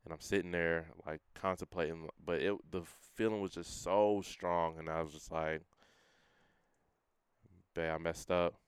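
A young man sharing a personal testimony in a casual interview, earnest and full of everyday slang, quoting himself in a quieter voice. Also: deep voice, fairly even intonation, unhurried, clean tone, dry recording. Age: young adult. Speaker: guest sharing his testimony.

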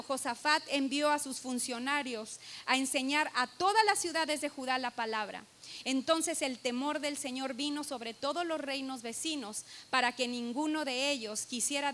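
A woman's voice: sits high, fairly bright tone, slight background noise. A woman preaching a sermon to her church, earnest and emphatic, stressing key words and reading scripture aloud.

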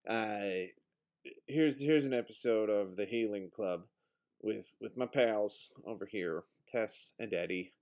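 A man's voice: lowish voice, takes it slowly. Self-deprecating man rambling on a podcast. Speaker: podcast host. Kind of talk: casual rambling podcast talk.

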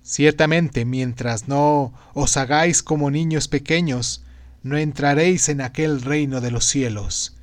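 A man's voice: fairly high pitch, measured pace, no echo, natural voice. A man reading aloud and voicing a grave, fervent male prophet-sage in a declamatory way. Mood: exhorting. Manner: declamatory, exhorting. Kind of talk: audiobook reading.

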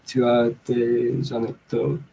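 Slow, gravelly man hosting a podcast. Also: medium pitch, completely flat delivery, dark tone, highs cut off, slight background noise. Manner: halting, hesitant French with grammar slips and long pauses. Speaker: podcast host asking questions. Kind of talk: casual podcast conversation.

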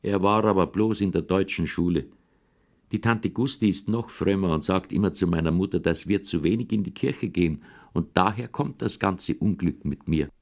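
A man's voice: deep voice, moderate pace. A man narrating a humorous first-person boyhood story as an audiobook reader. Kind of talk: scripted narration.

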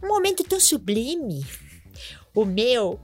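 A woman hosting a comedic clown podcast, talking in a playful, theatrical and bossy way with sudden high squeals. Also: big pitch swings, slow pace, a little mellow, soft background music. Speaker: podcast host.

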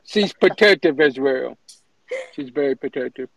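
A man's voice: medium pitch, lively intonation, normal speed, gravelly, dry recording, low-quality recording. A man whose voice sounds robotic and metallic, making brief, terse remarks as a panel guest in a casual chat.

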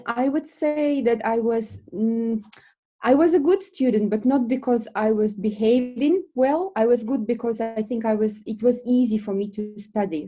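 A woman with a soft-edged, mellow tone and a Belarusian accent answers questions in a casual interview. English is not her first language, and her phrasing is hesitant, with frequent small pauses. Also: a little high. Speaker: interview guest, lash business founder.

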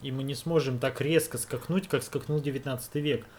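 A man's voice: medium pitch, steady tone, brisk, a little mellow, husky. A man with a mid-range voice co-hosts a casual chat. He tells his stories in a laid-back, slangy manner. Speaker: podcast co-host.

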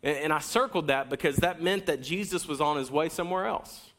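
High-voiced man preaching with wide swings. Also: fairly quick. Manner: energetic preaching with wide swings in pitch and loudness; addresses the congregation directly, with asides and a coaching tone. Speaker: pastor. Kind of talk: sermon.

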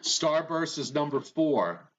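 A man's voice: a little high, lively intonation, fairly bright tone. A man co-hosting a casual chat and quizzing his partner in a guessing game, stopping and restarting often, heard over a bad connection that breaks up and lags. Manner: teasing quizmaster, halting with many restarts. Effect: bad connection, breaking up with delay. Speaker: co-host. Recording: muffled lo-fi remote line.

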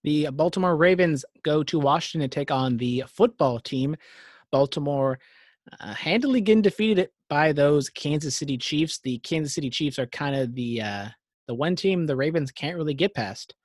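A man's voice: on the high side, expressive, moderate pace, no room sound, studio quality. A man co-hosting a casual sports podcast, running through game previews and teasing his co-host. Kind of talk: casual sports picks chat.

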